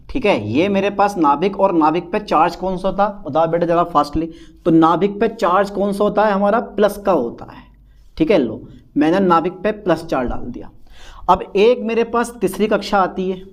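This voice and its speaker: A male chemistry teacher, lecturing a class with lots of repetition and questions to his students. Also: high voice. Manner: repetitive, calls students beta, answers himself as student.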